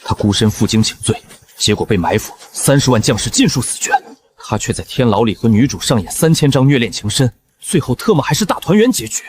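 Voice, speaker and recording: An actor playing a blunt, hot-blooded rebel general with a coarse commanding manner in an animated drama. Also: male voice, medium pitch, brisk, close to an everyday voice. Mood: bitter scorn. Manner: coarse, commanding, often shouting. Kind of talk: dramatized animated-comic dubbing.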